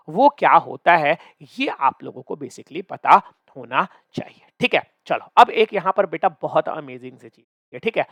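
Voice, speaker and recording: A young man teaches physics for exam prep, his voice a touch higher than most men's. He coaxes and teases his students, asking again and again whether they follow. The sound is dry and close, with no room echo. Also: creaky, a bit bright. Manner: playful, coaxing, calls students "beta"; asks checking questions often. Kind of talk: online exam-prep lecture.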